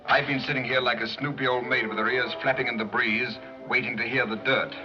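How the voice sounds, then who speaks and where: An actor playing a jovial, teasing society gentleman, wisecracking in 1930s screwball comedy banter. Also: mid-range voice, fairly even intonation, fairly quick, close to an everyday voice. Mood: teasing, curious. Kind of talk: 1930s screwball film acting. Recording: dull 1930s film soundtrack with music.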